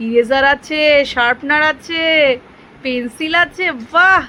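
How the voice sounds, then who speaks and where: A woman with a high, bright voice films her child at home. She chats casually and playfully, full of exclamations, teasing and fond scolding. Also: a little slow, slight background noise. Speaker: mother filming her child. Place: at home, indoors.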